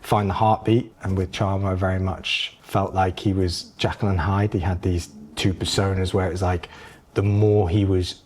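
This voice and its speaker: A man's voice: deep voice, flat delivery, normal speed, darkish tone. A British man, an actor, talking casually in a laddish, teasing way. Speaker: actor promoting a comedy film. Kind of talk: casual chat.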